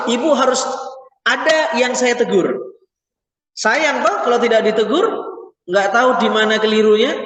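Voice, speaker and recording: Animated high-voiced teacher in echoey hall. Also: male voice. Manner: chatty, animated, teasing the audience. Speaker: Quran teacher. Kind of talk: informal religious class. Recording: echoey hall, mic far off.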